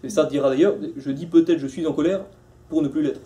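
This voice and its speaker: A man gives a philosophy lecture to a live class, in a loose, conversational way. His voice sits a bit high but sounds very mellow and warm. He keeps restarting sentences and acting out short quoted exchanges. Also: fast talker. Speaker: philosophy teacher.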